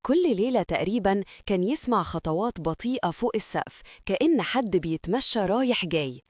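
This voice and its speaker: A woman's voice: mid-range voice, expressive, fairly quick, a little mellow, dry recording, clean studio sound. A woman with an Egyptian Arabic accent narrating a scripted horror story in a dramatic storytelling manner.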